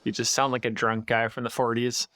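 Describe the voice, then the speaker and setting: A man's voice: mid-range voice, little pitch movement, brisk, pushed and bright, no room sound, clean studio sound. A man co-hosting a casual podcast, joking and answering with short replies. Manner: joking, brief backchannel replies. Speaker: podcast co-host.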